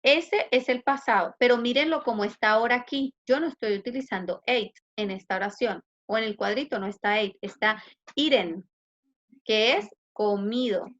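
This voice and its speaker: A woman's voice: fairly high pitch, normal speed, a bit bright. Woman, Chilean Spanish accent, patient English teacher, online class, questions to students, dull call sound. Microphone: video call. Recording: muffled video call audio.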